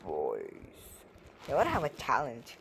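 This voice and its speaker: A woman's voice: sits low, lively intonation, unhurried, a little hiss or hum, poor audio. A woman reading poems aloud and reviewing them in casual commentary, with sarcastic, playful, ranting asides. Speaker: poetry reviewer.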